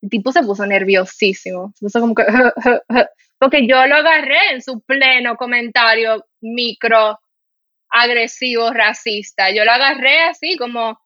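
The audio is lo-fi with no room sound, and the woman speaks a little slowly in a high-leaning voice. She comes from the Dominican Republic, carries a mild Dominican Spanish accent, and hosts a casual podcast full of animated, indignant, filler-filled storytelling.

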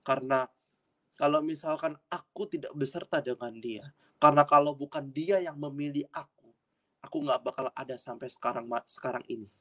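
A man preaching a personal testimony sermon in an earnest way, with sudden loud bursts of emphasis and frequent repetition. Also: on the high side, brisk. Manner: addresses audience as friends, repeats himself.

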